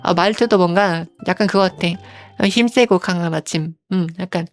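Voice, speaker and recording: A woman streaming as a virtual creator, chatting casually and unhurriedly, filling pauses with soft hums and speaking of herself in the third person. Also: fairly low pitch, faint music behind.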